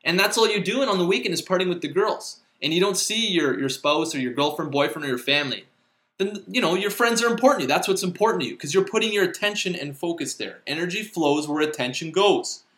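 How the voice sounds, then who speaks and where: A man's voice: sits high, lively intonation, fast, fairly bright tone. A middle-aged man hosting a motivational podcast, talking casually with many fillers and restarts. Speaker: podcast host. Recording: echoey room.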